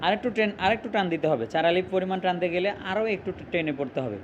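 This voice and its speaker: A man with a high voice leads a Quran reading class, slowly drawing out each letter. He keeps asking his listeners questions and then answers them himself, over faint background noise. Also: animated, muffled recording. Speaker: Quran teacher. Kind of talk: online Quran lesson.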